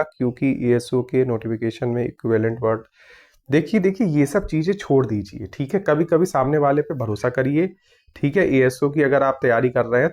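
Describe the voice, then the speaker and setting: Reading viewer comments aloud one by one, a young man behind an exam news channel responds casually yet firmly and leans heavily on "theek hai." His voice sits at medium pitch with a darkish tone.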